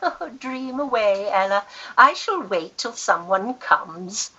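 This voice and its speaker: A woman performs a Victorian radio play as a worldly older aunt and wealthy guardian, grand, affectionate and wryly teasing. Her mid-range voice is slow, bright, forceful, breathy, very animated and exaggerated, and the audio sounds dull.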